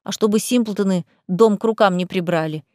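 A woman's voice: medium pitch, fairly quick, darkish tone, no room sound, clean studio sound, lightly acted. A woman reading the part of a sly, greedy young female cat familiar who talks in a lazy, teasing, mocking way. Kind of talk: audiobook character voice.

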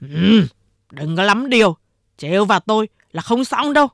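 A woman's voice: medium pitch, very animated, moderate pace, fairly bright tone, no room sound, studio quality. A woman voicing a crude, bullying gang boss man who threatens and swears. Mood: mocking. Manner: gruff, bullying.

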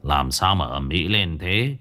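A man voicing a gruff older man who heads the household and gives orders. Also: sits low, animated, measured pace, over music, voice pushed down. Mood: commanding.

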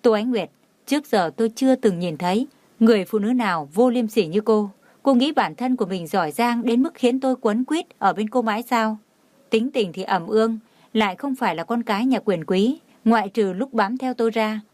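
A woman's voice: on the high side, moderate pace, a little mellow, no echo, natural voice. A woman reading the lines of a cold, scornful young rich husband in a cutting, contemptuous tone. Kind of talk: audiobook narration.

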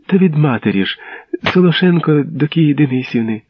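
A man's voice: on the high side, animated, moderate pace, breathy edge, no echo, voice pushed up. A desperate peasant mother, as a male narrator puts her on, pleading in a raised, breaking voice. The sound is dry and dull like an old radio reading.

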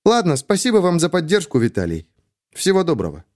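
A man's voice: on the high side, wildly swooping pitch, brisk, a little mellow, pitched above the performer's own voice. A man voicing a weary young female police officer who speaks wryly in an audiobook. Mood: wry resigned. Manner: wry, resigned. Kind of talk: audiobook character voice.

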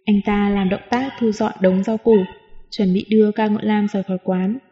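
Female audiobook narrator, even and smooth; dull lo-fi sound with long reverb. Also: mid-range voice, moderate pace. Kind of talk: scripted narration.

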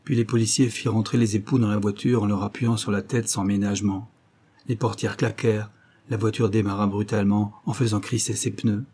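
A man narrating an audiobook in a sober, measured, grave manner. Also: fairly low pitch, flat delivery, dark tone, breathy edge.

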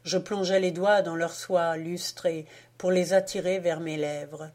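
Brief: woman, low voice, very slow and measured audiobook narration. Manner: measured, expressive reading. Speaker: audiobook reader.

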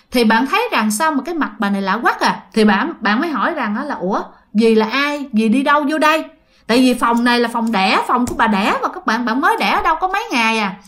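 A woman tells a horror story in a loose, chatty way. Her voice sits a little high, and she keeps turning to speak to her listeners. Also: fairly bright tone. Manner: chatty, addresses listeners directly.

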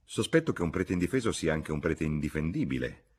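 A man reading an audiobook, voicing a haughty, aloof young gentleman in a measured, husky voice. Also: very deep voice, big pitch swings, full character voice.

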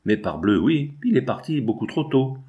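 A man voicing an aging, scheming provincial deputy who pleads and insists in a low, wheedling way. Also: big pitch swings, moderate pace, dark tone, lightly acted. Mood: insistent.

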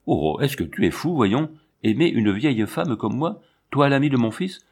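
A man's voice: medium pitch, big pitch swings, moderate pace, darkish tone, breathy edge. A man reading an audiobook, voicing a proud, firm middle-aged woman who speaks sternly and refuses. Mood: pleading.

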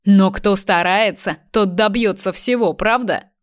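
Unhurried and clean, the high voice sounds male, though it belongs to a woman reading a part. She plays a vengeful, cruel young man who has kidnapped someone, mocking and gloating in a taunting tone.

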